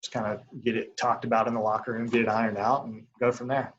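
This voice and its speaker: A young man in a casual interview as an umpire, talking in a rambling, halting way full of filler phrases. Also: mid-range voice, little pitch movement, fairly bright tone, dull audio, a little hiss or hum. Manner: rambling, halting, frequent "you know". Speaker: baseball umpire as interview guest. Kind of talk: casual chat.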